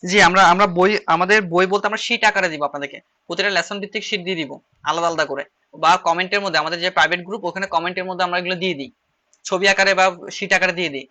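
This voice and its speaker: Male shorthand teacher, Chittagong Bengali accent, high-pitched and quick, repeats phrases while writing. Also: fairly even intonation, pushed and bright. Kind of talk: online class lecture.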